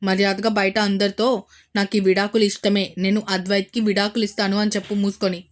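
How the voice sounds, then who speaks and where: A woman voicing an angry young husband who speaks in harsh, threatening warnings, a little louder than her usual reading voice. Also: medium pitch, steady tone, fairly quick, lightly acted. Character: stern angry rich young husband, man.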